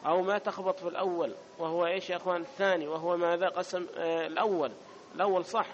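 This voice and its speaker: A man's voice: high-pitched, steady tone, racing, lo-fi sound, a little hiss or hum. A man teaching an Arabic grammar class, who repeats each point and keeps asking whether students follow. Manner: repeats points and checks understanding. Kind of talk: classroom lesson.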